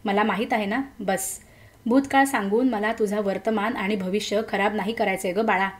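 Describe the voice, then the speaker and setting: A woman's voice: mid-range voice, fairly even intonation, moderate pace, natural voice. A woman voicing an affectionate young man in a story, soothing and reassuring.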